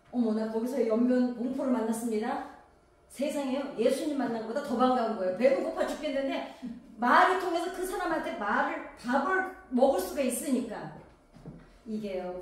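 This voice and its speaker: A woman's voice: on the high side, a little mellow. A woman from Gangwon Province, South Korea, preaching a sermon in a conversational way, firing rhetorical questions at the congregation. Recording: very echoey hall, voice from a distance.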